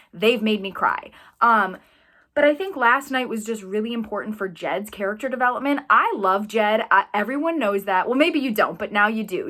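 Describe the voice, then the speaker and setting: A woman's voice: on the high side, a bit bright. A young woman reacting to a TV episode in a chatty, gushing way, full of fillers. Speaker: TV reaction vlogger.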